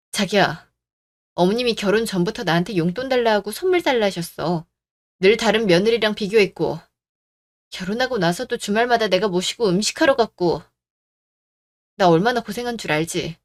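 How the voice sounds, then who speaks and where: A woman's voice: mid-range voice, moderate pace, pauses often, lightly acted. A woman voicing a young wife in a radio drama who is tired and aggrieved, polite at first and then firm. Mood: resolute.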